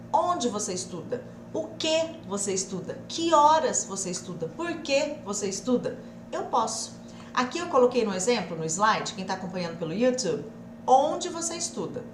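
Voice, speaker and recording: A woman from Brazil teaching English in a live online lesson, coaxing her students and slowly sounding out English phrases. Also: fairly high pitch. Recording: echoey room, faint background noise.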